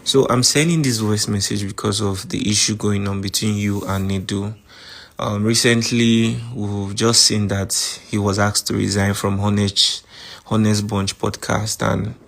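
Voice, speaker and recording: A man with a Nigerian accent recording a voice message to a friend, calmly recounting a grievance. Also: on the low side, creaky. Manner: calm, measured account of a grievance. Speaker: podcast host.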